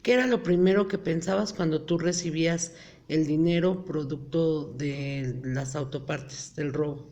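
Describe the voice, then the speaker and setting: A woman interviewer asking calm, probing questions. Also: low voice, measured pace.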